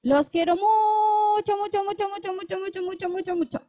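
A woman's voice: high voice, big pitch swings, unhurried, darkish tone, breathy edge, no echo, lo-fi sound, heavily acted. A woman putting on a tiny, gushing teacher. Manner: sing-song, gushing, exaggerated for small children. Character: tiny cheerful female teacher, affectionate. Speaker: kindergarten teacher. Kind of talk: children's video character.

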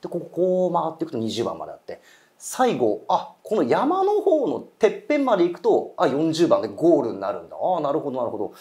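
A man's voice: on the high side, huge pitch swings, quick pace, mellow. A man telling a ghost story in casual chat, acting out quoted voices and eerie murmurs. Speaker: guest storyteller.

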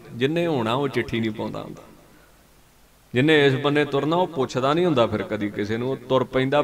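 Punjabi preacher, chanting then storytelling. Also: male voice, fairly low pitch, vocal fry. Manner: chanting verses then lively storytelling with acted dialogue. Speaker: Sikh preacher. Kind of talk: sermon with scripture recitation and storytelling.

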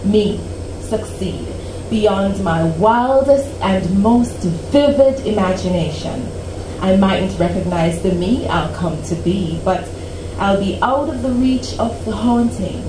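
At a cafe open mic in Canada, a poet of about forty reads her own poem from a small stage to a seated audience, slow and deliberate with dramatic pauses. Her voice is mid-range and animated, captured through a stand mic by a camera at the back, so the audio is roomy, distant and humming.

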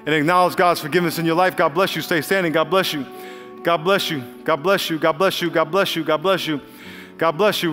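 A middle-aged man, a pastor, leading an altar call and preaching earnestly from a large church stage. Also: fairly high pitch. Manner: warm repetitive blessings, earnest and urgent. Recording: long hall reverb, faint band music. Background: soft band music.

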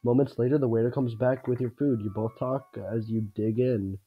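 A man's voice: medium pitch, steady tone, normal speed, slightly rough, narrow, tinny audio, soft background music. A man reading a video game's story narration aloud as he plays. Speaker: gaming video creator, player. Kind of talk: scripted narration of game text read aloud.

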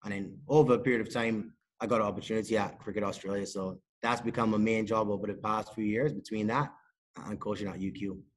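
A man, talking as a podcast guest on a video call in a small room, measured and modest, with many fillers. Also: fairly low pitch, fairly even intonation. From Barbados. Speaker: sports psychologist and cricket coach, podcast guest. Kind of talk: casual interview talk. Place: indoors, small room with a plain wall.

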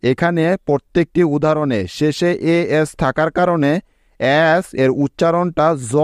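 A man gives a slow, patient pronunciation lesson, spelling each example letter by letter and pausing to check understanding. His voice sits a bit high and his delivery is very unhurried. The sound is dry and close, with no room echo. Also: darkish tone. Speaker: English pronunciation teacher.

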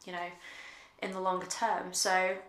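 A young woman talking earnestly and reflectively to camera in a casual vlog, pausing often with fillers, seated on a sofa at home. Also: on the low side, flat delivery, fairly bright tone, echoey room. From United Kingdom. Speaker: vlogger. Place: living room with sofa, indoors.

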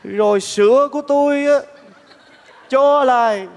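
A soft-spoken sweet neighbor dude, really high voice, echoey theater with a bit of music behind. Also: male voice, slow pace, creaky, some chatter behind, full character voice. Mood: earnest. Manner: soft, coaxing, earnest. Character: kind-hearted bachelor neighbor man, gentle and pleading. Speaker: comedy stage actor. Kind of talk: stage comedy acting. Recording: reverberant theater stage, faint music.

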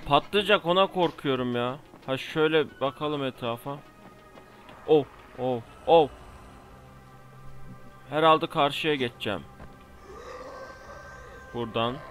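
Young male gamer, slightly high voice, frustrated running commentary, faint music behind. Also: unhurried, long pauses, fairly bright tone. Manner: exasperated, talks back at enemies, exclaims often. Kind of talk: casual let's play commentary. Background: faint game music.

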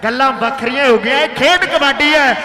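High-pitched, hearty Punjabi man calling kabaddi. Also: fairly quick, sharp tone. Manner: hearty, exclamatory, addresses listeners as friends and brothers, repeats phrases. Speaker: kabaddi match commentator. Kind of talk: live sports commentary with rhymed verse and thanks to sponsors. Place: outdoor village kabaddi tournament ground.

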